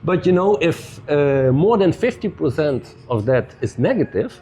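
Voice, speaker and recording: A man telling stories as a podcast guest in loose, non-native English with many "you know"s, relaxed and upbeat. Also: fairly high pitch, moderate pace, faint music behind. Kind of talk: casual storytelling conversation.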